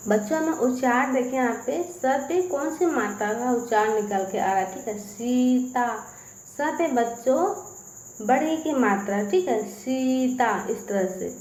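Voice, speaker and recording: A high-pitched woman teaches children, chanting syllables in a slow sing-song drill before explaining how to spell. Her voice rings in an echoey room, with crickets chirping faintly behind her. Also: expressive, darkish tone. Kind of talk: children's alphabet lesson.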